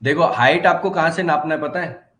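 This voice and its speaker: A man's voice: a little high, fairly quick, a bit bright, echoey room. A man, a car diagnostics trainer answering questions in a live online class with confident, reassuring instruction.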